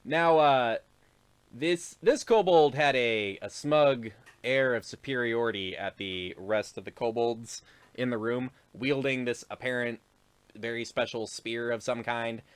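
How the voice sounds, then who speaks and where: A man's voice: mid-range voice, a little slow, clean tone. A man narrating as game master of a tabletop game, rambling with fillers and frequent chuckles.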